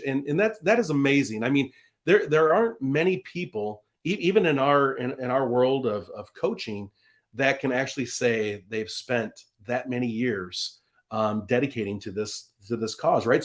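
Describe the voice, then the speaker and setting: A man hosting an interview, with a voice in the middle range. He affirms his guest warmly in words and asks slightly rambling, loosely built questions. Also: medium pitch. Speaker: podcast host. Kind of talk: interview conversation.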